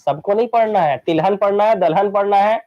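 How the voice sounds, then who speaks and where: A man's voice: high-pitched, brisk. A man teaching an exam-prep lesson, repeating lists over and over and quizzing his students. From Chhattisgarh, India. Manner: drills lists by repetition, asks students questions. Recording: dull lo-fi recording.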